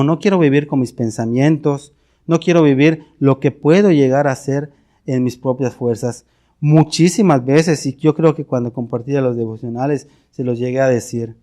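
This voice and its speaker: A middle-aged pastor with a Mexican Spanish accent delivers a confessional sermon earnestly. His medium-pitched voice has a dark tone, and he often repeats words and restarts phrases.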